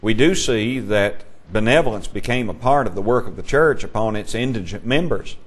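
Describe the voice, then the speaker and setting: A man teaching a Bible class, emphatic and measured, putting questions to his students. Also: lowish voice, slightly rough.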